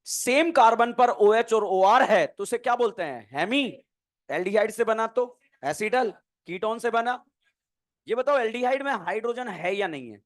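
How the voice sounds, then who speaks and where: High-voiced chemistry teacher quizzing. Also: male voice, lively intonation, normal speed. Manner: quizzing students, answering his own questions; joking, playful teasing. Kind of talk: classroom lecture.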